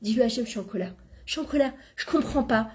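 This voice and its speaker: A middle-aged woman leads an informal spiritual lesson, her voice sitting a little high. She tells stories from her own life in a chatty, animated way and slips Hebrew terms into her French. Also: fast talker. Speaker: Torah class teacher and coach.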